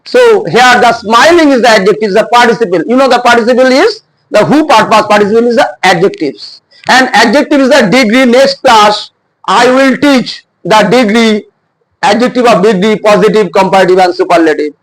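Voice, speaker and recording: A man teaching a spoken lesson, in halting speech that repeats and corrects itself. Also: high-pitched, fairly bright tone, poor audio. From India. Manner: halting, repetitive phrasing with self-corrections. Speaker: English teacher.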